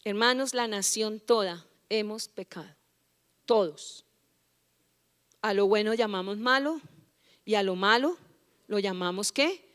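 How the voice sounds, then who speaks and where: A woman's voice: mid-range voice, a little slow, long pauses, fairly bright tone, clear, resonant tone. Woman pastor preaching in a hall. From Colombia. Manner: call-and-response with the congregation, rousing, rhetorical questions. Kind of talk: sermon. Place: large church hall. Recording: church hall reverb.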